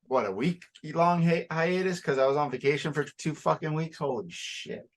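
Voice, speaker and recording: A man's voice: fairly high pitch, normal speed. A young man co-hosting a podcast in casual, profane chat, sounding sleepy and yawning now and then. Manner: loose and profane, laughing and yawning. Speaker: podcast co-host.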